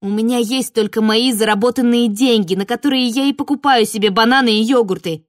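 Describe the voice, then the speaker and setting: A woman's voice: fairly high pitch, fairly quick. A woman narrating a first-person audiobook and reading the dialogue dramatically.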